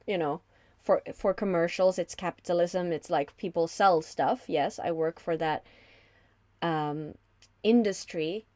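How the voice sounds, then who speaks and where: A woman who works as a voice-over artist and coach, talking in a warm, reflective way in casual conversation. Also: lowish voice, dry recording. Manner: warm, reflective, laughs easily.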